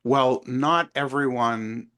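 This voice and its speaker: A man hosting a conversational interview, thinking aloud in a measured, discursive way. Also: medium pitch, fairly even intonation, bright, forceful tone, clean tone. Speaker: podcast interviewer.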